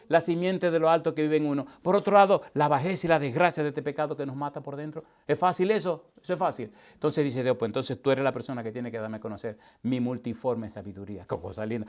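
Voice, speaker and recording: A man preaching at a seminar, his voice fairly high. He draws answers from his listeners with question after question, going from loud to hushed. It sounds like a lively teaching sermon in front of a live audience. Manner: asks the audience constant call-and-response questions; animated, swings from loud to hushed. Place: church hall with live audience.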